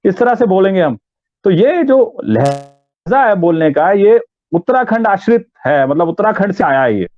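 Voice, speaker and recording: A voice and theatre artist from Uttarakhand, India, talks about voice training in an interview and demonstrates sounds aloud. His voice sits high with big pitch swings at normal speed, and the dry, tinny phone-like line adds a little hiss or hum.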